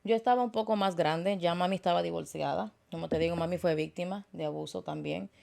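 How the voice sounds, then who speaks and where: A woman, a guest telling her story in an interview in an earnest, halting way with many fillers. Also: on the low side, gravelly, a little mellow. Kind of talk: personal testimony in interview.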